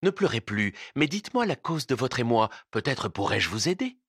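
A man's voice: mid-range voice, sing-song, moderate pace, a bit bright, slightly rough, dry recording, studio quality, full character voice. A man voicing a kind, courteous old man who turns terrified, speaking politely and then gasping in fright. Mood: gentle.

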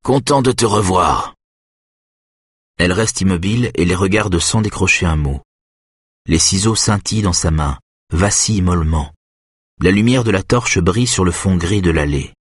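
A man reading a tense thriller aloud as an audiobook narrator, in measured, steady storytelling. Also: low voice, husky, dry recording, clean studio sound.

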